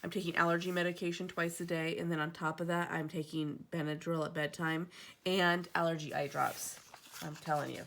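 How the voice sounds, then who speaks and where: A woman in her thirties, a planner vlogger, chats casually at home while decorating her planner, rambling and drifting off on tangents, a bit stuffy from allergies. Her voice is fairly low and a little bright, with vocal fry, a flat delivery and a brisk pace. Slight background noise can be heard indoors.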